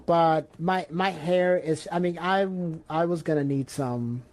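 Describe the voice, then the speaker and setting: Soft-spoken man from Peru, casual chat. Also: on the high side, unhurried. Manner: hesitant, many fillers and restarts. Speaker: podcast guest.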